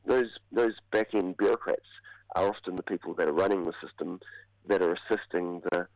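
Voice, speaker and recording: A man, croaky from a cold, giving measured, halting analysis as a commentator in a radio interview. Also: low voice, steady tone, a little mellow, no echo. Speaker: political commentator, university academic. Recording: dull, band-limited radio audio.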